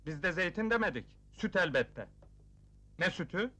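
A quick-witted young joker from a 1980s film comedy. His voice sits high and sounds bright and forward. He talks in teasing, playful comebacks. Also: lively intonation, exaggerated voice. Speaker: film lead.

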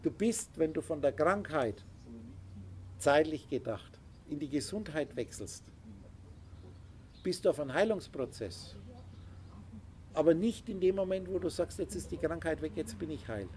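A man's voice: fairly high pitch, animated, a little slow, long pauses, darkish tone. A man lecturing a small group as their spiritual teacher, emphatic and insistent, with faint noise behind him. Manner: emphatic, lecturing, with sound effects.

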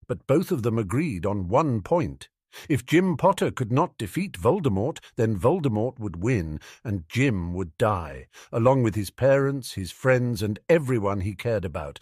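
A man narrating a fan-fiction audiobook with expressive storytelling. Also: lowish voice, unhurried, husky, dry recording, studio quality.

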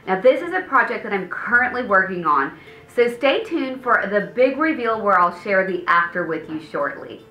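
A woman in her thirties presents home design tips straight to camera in a polished, enthusiastic way. Her voice is bright and crisp. The room rings with echo, and faint music plays underneath. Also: medium pitch, big pitch swings, moderate pace. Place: indoor studio set with paneled wall.

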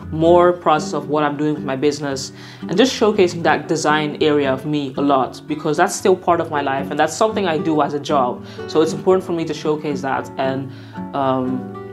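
Low-voiced young woman vlogging candidly. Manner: candid, rambling, self-correcting. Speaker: vlogger and designer. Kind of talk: casual to-camera vlog talk.

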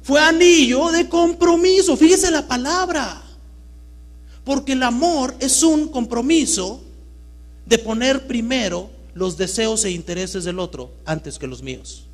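A man giving a live talk to an audience, swinging between loud emphatic bursts and hushed storytelling. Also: very high voice, lively intonation, unhurried. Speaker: motivational speaker. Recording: reverberant hall with mains hum.

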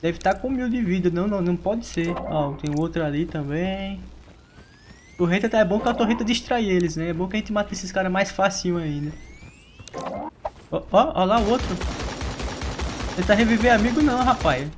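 A man's voice: high-pitched, moderate pace, pauses often, background noise. A man giving chatty, teasing live commentary over his own gameplay, laughing often. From Brazil. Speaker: gaming YouTuber.

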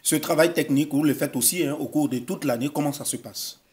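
A man's voice: on the high side, a little fast, darkish tone. A young man with an Ivorian French accent, hosting a studio TV interview and asking insistent, probing questions. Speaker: TV host. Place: TV news studio. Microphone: desk microphone.

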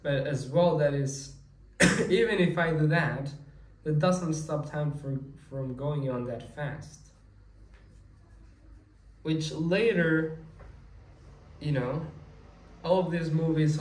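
Recorded from a distance in an echoey room with faint ambient noise, a young vlogger around twenty talks through his ideas in a loose monologue. His voice is medium-pitched and a little mellow, and he frequently starts sentences over.

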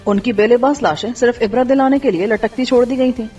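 A woman reading a first-person adventure story aloud in steady scripted narration. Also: fairly high pitch. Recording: dull distant recording with faint music.

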